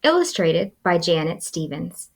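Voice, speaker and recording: Reading a picture book to children, the school librarian brings dramatic, expressive flair to the story. She speaks in a lowish voice at a measured pace.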